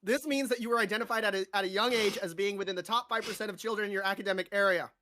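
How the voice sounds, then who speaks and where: A woman's voice: mid-range voice, racing, fairly bright tone. A woman hosting a live stream hot sauce challenge, groaning and complaining as the spice burns her mouth and eyes. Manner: groaning and complaining through spicy food. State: mouth burning, eyes watering. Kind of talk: casual live-stream chat.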